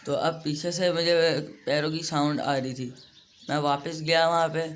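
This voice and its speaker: A man's voice: fairly high pitch, steady tone, moderate pace, a bit bright, slight background noise. Chatty young man narrating gameplay. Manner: chatty, rambling, self-deprecating. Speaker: gaming YouTuber. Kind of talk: casual gameplay commentary.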